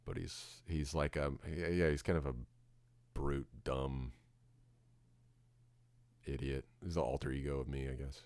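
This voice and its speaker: A middle-aged man from Florida talks loosely over a game stream, stopping and restarting his thoughts as he goes. His voice sits very low, and the sound is dry and close. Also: level tone, unhurried, pauses often, darkish tone, no room sound. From Florida, USA. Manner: rambling, with many restarts and fillers. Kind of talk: casual chat while gaming.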